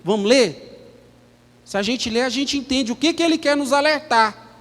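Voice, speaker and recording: A man's voice: very high voice, a little fast, a bit bright, in a large hall. A man with a Brazilian Portuguese accent preaching a sermon as pastor. He speaks emphatically and keeps asking the congregation rhetorical questions. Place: church.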